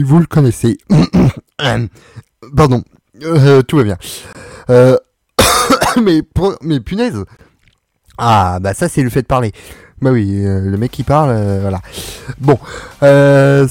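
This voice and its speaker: Guy hosting radio, warm low-key voice, lots of uh and restarts, jokey, a bit of music playing under. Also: dry recording. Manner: halting, full of fillers and restarts; joking, self-mocking. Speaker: radio host. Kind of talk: casual radio chat.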